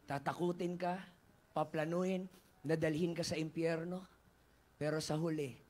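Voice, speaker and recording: A male pastor with a Filipino accent, telling a Bible story as a lively sermon, mixing in English and rising to shouted exhortations. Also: on the high side, normal speed.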